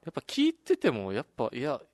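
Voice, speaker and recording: A man's voice: mid-range voice, wildly swooping pitch, fast talker, darkish tone, no echo. A young man from Okinawa chatting casually and animatedly, often laughing as he tells stories. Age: young adult. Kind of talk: casual chat.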